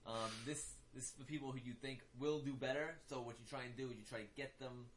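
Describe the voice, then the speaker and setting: A man co-hosting a casual fantasy football talk, animated and prone to ranting, with many fillers and restarts. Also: mid-range voice, fast talker, a little hiss or hum, low-quality recording. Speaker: fantasy football podcast co-host. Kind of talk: casual chat.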